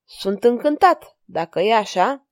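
A woman's voice: on the high side, natural voice. Woman voicing a flirtatious courtly king. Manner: courtly, flattering. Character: gallant amorous male king, courtly and flirtatious.

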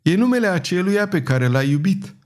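A man's voice: high-pitched, sing-song, voice pushed up. A man voicing a scheming, commanding noblewoman who persuades with insistence and authority in an audiobook reading. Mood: insistent.

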